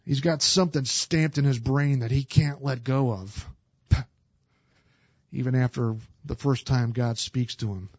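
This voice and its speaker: A man's voice: mid-range voice, a little slow, a little mellow, breathy edge, no room sound. A man preaching a sermon as a pastor, earnest and emphatic, often restarting his words. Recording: slightly dull, dry recording.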